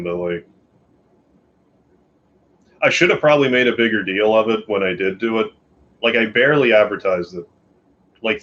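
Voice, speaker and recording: A man's voice: lowish voice, fairly bright tone, dull audio. Sleepy Canadian man streaming. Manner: sleepy, rambling, yawning. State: tired. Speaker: live streamer. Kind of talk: casual live stream chat, reading chat. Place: home bedroom.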